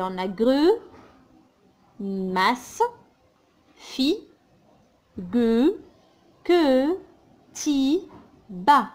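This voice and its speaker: Woman teacher, very slow, patient, spells out syllables, slightly high voice. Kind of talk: phonics lesson for children.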